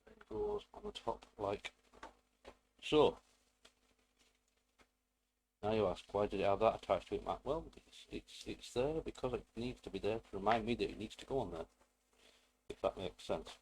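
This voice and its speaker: A man's voice: fairly low pitch, sing-song, normal speed, vocal fry, long pauses, a little mellow, a little hiss or hum, rough recording. A British man giving a casual hands-on build tutorial in a rambling, self-deprecating way with playful asides. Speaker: hobbyist presenter.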